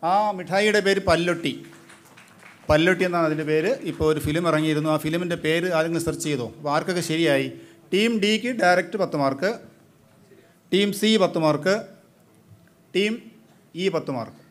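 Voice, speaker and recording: Male quizmaster, fairly high voice, brisk, pushes teams for answers, live quiz hosting.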